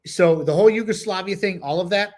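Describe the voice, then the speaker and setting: Talking quickly in a high voice with a darkish tone, this man co-hosts a podcast through a home computer mic, no camera involved. His casual chat rambles along, heavy with fillers like "you know," as he reads from notes.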